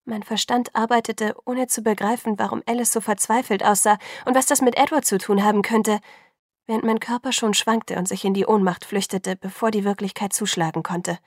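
A woman's voice: mid-range voice, dry recording. Woman narrating an audiobook, dry and close. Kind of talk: first-person audiobook narration.

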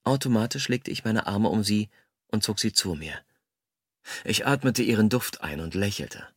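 A man reading a first-person story aloud in a calm, measured, intimate way. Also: on the low side, slightly rough, no room sound, studio quality. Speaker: audiobook narrator. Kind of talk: scripted first-person narration.

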